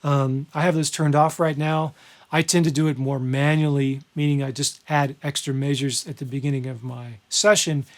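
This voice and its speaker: A man teaching a screen-recorded music software lesson, relaxed and conversational as he explains each step. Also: on the high side, moderate pace. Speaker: music instructor.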